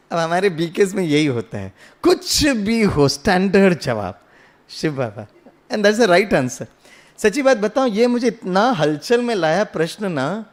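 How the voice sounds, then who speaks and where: A man giving a spiritual talk, telling a story and asking the audience questions, slipping English phrases into his speech. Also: high voice. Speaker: spiritual speaker.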